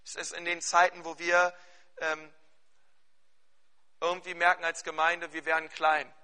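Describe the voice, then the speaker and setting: A man preaching a sermon as pastor, animated, turning often to the congregation with questions, later leading a fervent prayer. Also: a little high, a little slow, clean tone.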